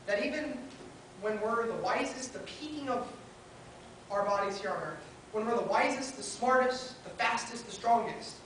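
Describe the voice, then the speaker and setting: Woman preaching at a pulpit microphone, echoey hall. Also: mid-range voice. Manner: earnest, builds points in short listed phrases. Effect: spoken into a pulpit microphone. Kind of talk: sermon. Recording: very echoey hall, heard from far off, faint hiss.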